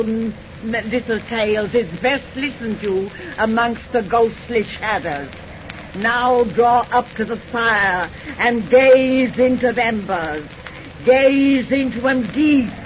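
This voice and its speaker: A woman playing a gleefully sinister, cackling hundred-and-five-year-old witch storyteller with rustic speech, in old radio horror style. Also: on the high side. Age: older. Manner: rustic folksy dialect, slow and eerie. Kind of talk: 1930s radio horror acting. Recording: noisy, muffled old radio recording.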